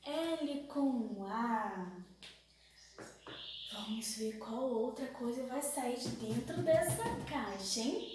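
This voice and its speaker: A Brazilian woman teaching young children a phonics lesson, asking slow sing-song questions and stretching out syllables. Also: on the high side, lively intonation, very echoey, distant mic, background noise. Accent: Brazilian Portuguese.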